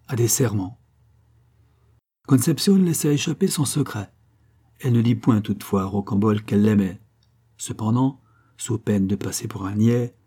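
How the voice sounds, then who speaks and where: A man giving a measured, dramatic narration of a classic novel. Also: medium pitch, warm tone, slightly rough. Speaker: audiobook narrator. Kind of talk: scripted narration.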